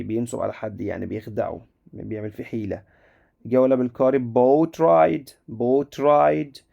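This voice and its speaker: A man with an Egyptian Arabic accent teaching an English vocabulary lesson, repeating each word slowly and answering his students' questions as if they had asked them. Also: mid-range voice, vocal fry, warm tone.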